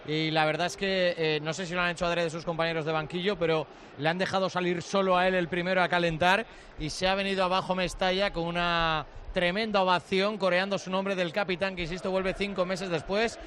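A high-pitched man reports live from a football stadium. Clear outdoor noise surrounds his voice as he discusses the match. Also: flat delivery, a little fast, fairly bright tone. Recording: noisy outdoor stadium ambience.

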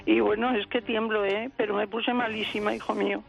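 An 85-year-old woman from Aragon, calling in by phone and telling a distressing story with tearful, animated emotion. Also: mid-range voice, fairly quick, vocal fry. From Aragon, Spain. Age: 80s. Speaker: caller. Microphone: telephone. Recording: muffled phone line.

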